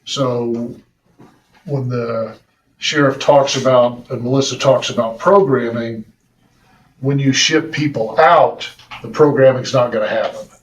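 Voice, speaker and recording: A man's voice: mid-range voice, fairly even intonation. A man, a public defender, speaking earnestly at a county meeting, often restarting his sentences. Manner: earnest, halting with repeated restarts. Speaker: drug court public defender. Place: county council chambers. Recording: roomy chamber audio from far mic.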